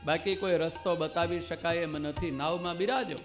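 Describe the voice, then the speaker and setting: A reverent ocean spirit, put on by a male storyteller, pleads in a fairly high voice with folded hands. Devotional music with tabla plays clearly under the words. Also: steady tone, moderate pace, natural voice. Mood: pleading.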